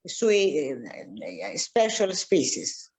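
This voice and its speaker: An older woman from Egypt, a tour guide and archaeologist, chatting casually and slowly with many fillers and restarts. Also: deep voice, big pitch swings, darkish tone. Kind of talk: casual video-call chat.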